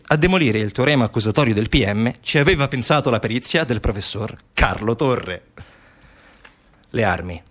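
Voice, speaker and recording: A man with a mid-range, slightly bright voice performs a theatrical narrative monologue as a stage actor. His manner is ironic and questioning, full of rhetorical questions, and he acts out the replies he quotes.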